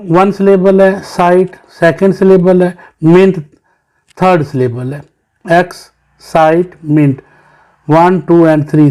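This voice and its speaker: In a recorded English lesson for kids, a Pakistani man with a high, mellow voice patiently sounds out each word syllable by syllable, explaining in Hindi-Urdu with English terms mixed in.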